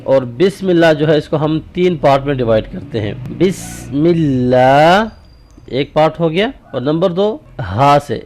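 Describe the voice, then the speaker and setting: A man teaching Quran recitation in a slightly higher voice, explaining each sound patiently. He walks through every step and keeps pausing to ask if the listener follows. He often stretches a phrase into a slow, drawn-out recitation. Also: lively intonation, darkish tone, a little hiss or hum. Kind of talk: tajweed lesson.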